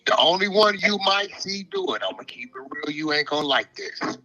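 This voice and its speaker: A man hosting a casual online audio room, talking emphatically in slang and giving hype shout-outs. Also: high voice, lively intonation, brisk, rough recording.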